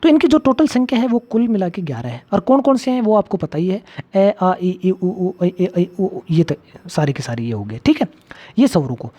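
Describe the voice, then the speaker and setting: A man's voice: high-pitched, very animated, normal speed, mellow. A man teaching a grammar lecture for exam students. He keeps asking the class questions and repeating his key points. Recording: slightly dull lo-fi audio.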